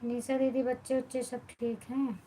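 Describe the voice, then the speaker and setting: A woman hosting a live stream at home at night, chatting softly with viewers by name and offering devotional greetings. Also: a little high, flat delivery, moderate pace, slight background noise, poor audio. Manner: quiet, keeps her voice down while others sleep. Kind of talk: casual live chat.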